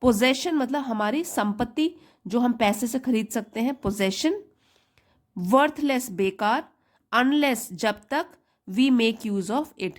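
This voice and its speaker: A woman teacher reads a short story aloud in small chunks. She talks very slowly and carefully and explains each phrase in Hindi. Her voice sits a little high. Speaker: English teacher. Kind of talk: slow bilingual reading lesson.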